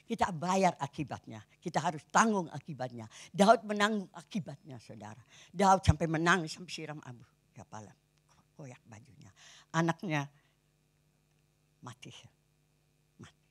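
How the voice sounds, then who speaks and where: An elderly woman pastor in her eighties with a Kupang Malay accent, preaching a sermon. Her voice is husky and a little breathy, and her pitch rises and falls in a very lively way. She talks conversationally and keeps turning to the congregation with rhetorical questions. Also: moderate pace, long pauses. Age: 80s.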